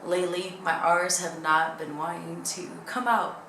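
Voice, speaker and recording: A young woman talks to her viewers in a casual, candid vlog style, wandering between thoughts. Her voice sits a little low but has a bright, forceful edge. She is recorded in an echoey room with faint noise behind her. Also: flat delivery, measured pace. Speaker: YouTuber.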